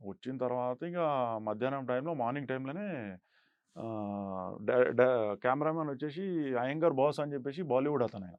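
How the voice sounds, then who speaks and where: A man's voice: medium pitch, normal speed, clean tone, no echo, narrow, tinny audio. A young man, an actor guest telling stories in an interview and acting out quoted lines in a raised voice. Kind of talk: animated storytelling interview.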